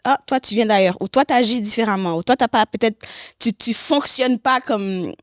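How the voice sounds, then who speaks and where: As a podcast guest in a candid conversational interview, a woman from Haiti and Canada speaks expressively in French, slipping English phrases in. Her fairly high voice keeps a moderate pace, captured in a dry, studio-quality recording.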